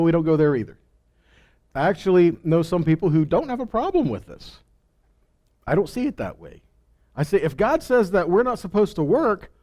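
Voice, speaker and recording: A man with a high-sitting, darkish voice gives an informal sermon as a Bible teacher. He reads verses and comments on them conversationally, posing rhetorical questions and imagining the replies.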